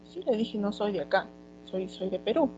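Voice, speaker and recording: A woman with a Peruvian accent gives a class in a loose, chatty way and often stops on small filler words. Her voice sits at a middle pitch. The audio is a little dull, with a faint hum behind her. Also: lively intonation, moderate pace, mellow. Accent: Peruvian Spanish. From Peru. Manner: conversational, many fillers like "este". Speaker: teacher. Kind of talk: online class lecture.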